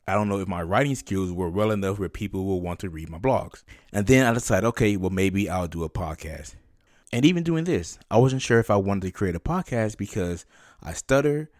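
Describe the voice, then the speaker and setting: A man's voice: low voice, no room sound, studio quality. A man hosting a podcast, talking conversationally and instructionally, as if directly to one listener. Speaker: podcast host.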